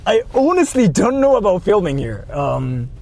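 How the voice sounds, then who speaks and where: A man livestreams casually from inside a car while driving, rambling, repeating phrases, and swearing freely. His high-pitched, slightly mellow voice swings widely in pitch at a moderate pace, captured in a noisy car interior with vehicle noise around him.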